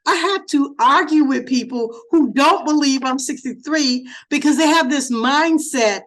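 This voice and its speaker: A woman's voice: high-pitched, unhurried, fairly bright tone, low-quality recording. A woman in her sixties from Chicago, hosting an interview with enthusiastic, affirming comments. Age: 60s. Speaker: interview host. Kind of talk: casual interview chat.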